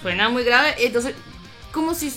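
Woman from Venezuela, bright voice, casual interview talk, reflective, restarts often. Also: on the high side, animated, normal speed, soft background music. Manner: reflective, many restarts and fillers. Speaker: metal band vocalist, guest.

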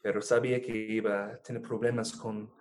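A man talking in a relaxed, easygoing way in a casual conversation. He keeps the flow going with small filler words between thoughts. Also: fairly low pitch, moderate pace. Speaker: conversation partner. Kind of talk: casual chat.

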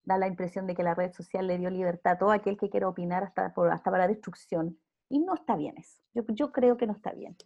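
A woman's voice: medium pitch, fast talker, creaky, warm tone, muffled recording. Earnest woman preaching in an interview. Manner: earnest, emphatic, repeats phrases. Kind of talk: casual interview talk, preaching tone.

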